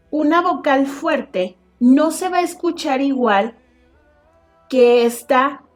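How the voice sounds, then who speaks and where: A woman teacher from Mexico, talking through a grammar lesson for her class. She speaks slowly and carefully in a fairly high voice, stopping often to check that her students follow. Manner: slow and explanatory, often checking with a questioning "¿sí?". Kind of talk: online class lecture.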